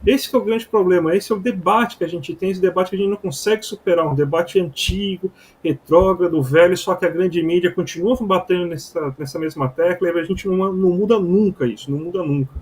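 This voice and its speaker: Male news commentator, emphatic and animated, slightly high voice, faint hiss behind. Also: a little fast, hardly any pauses. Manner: animated, emphatic, many fillers and restarts. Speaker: economics commentator.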